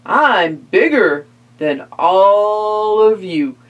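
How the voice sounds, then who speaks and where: A woman voicing a big, looming mummy in a read-aloud story, slow and drawn out. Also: mid-range voice, lively intonation, far from the mic, lo-fi sound.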